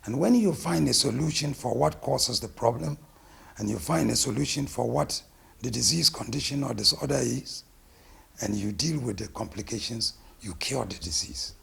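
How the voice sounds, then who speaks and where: A middle-aged man from Ghana with a Ghanaian accent, a naturopathic physician introducing himself and his work in a deliberate, emphatic way. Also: medium pitch, animated, creaky, fairly bright tone, breathy edge. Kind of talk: self-introduction interview.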